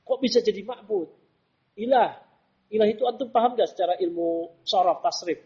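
A man teaches a religious class, checking his students with question after question. His voice sits high and a little husky. The recording is dull and lo-fi. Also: normal speed, a little mellow. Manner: quizzing students with rhetorical questions. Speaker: Islamic teacher.

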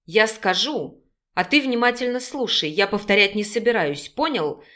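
A man's voice: sits high, lively intonation, normal speed, pushed and bright. A woman voicing a sullen, mocking male werewolf who speaks curtly through his teeth, in an audiobook.

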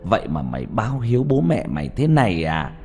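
A man voicing an angry, grieving old father who shouts and scolds. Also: lowish voice, very animated, unhurried, slightly rough, in a large hall, exaggerated voice. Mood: furious pleading.

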